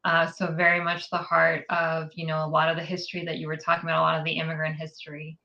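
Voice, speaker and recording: A woman's voice: deep voice, completely flat delivery, fast, gravelly, sharp tone, dull audio. A woman from New York City, an immigrant rights advocate, giving articulate, detailed interview answers with frequent ums.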